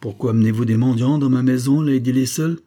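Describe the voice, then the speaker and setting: A man's voice: lowish voice, brisk, breathy edge. A man reading an audiobook voices a spoiled young nobleman who rants in fury. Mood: furious. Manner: ranting, shouting.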